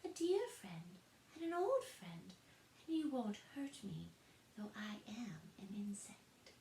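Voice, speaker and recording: A woman voicing a tiny, sad male insect who speaks in a small, high, half-whispered murmur. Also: sing-song, slow, vocal fry, warm tone, echoey room, a little hiss or hum, heavily acted, low-quality recording. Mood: plaintive.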